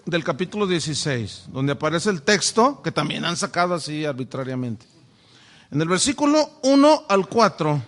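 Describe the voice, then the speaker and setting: In a church classroom with a whiteboard, a pastor leads a Bible study in a sermon-like style. His voice is high-pitched and slightly bright, and he keeps throwing rhetorical questions at his listeners.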